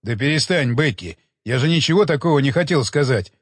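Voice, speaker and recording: A blunt, harsh police inspector, as a male reader plays him, terse and sharp. His husky voice sits lower than the narration. A long reverb lingers behind it. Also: expressive, fairly quick, studio quality.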